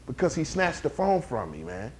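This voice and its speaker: A man's voice: medium pitch, very animated, moderate pace, slight background noise, lightly acted. A man playing a laid-back, slangy young neighbor in a comedy sketch interview. He rambles and stumbles over his words.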